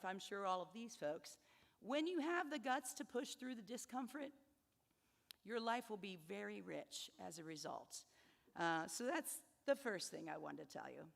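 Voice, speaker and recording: A woman in her fifties giving a speech to new students, telling personal stories in an animated, humorous way. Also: on the high side, vocal fry, long reverb tail. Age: 50s. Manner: storytelling, animated, laughs at her own stories. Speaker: convocation speaker.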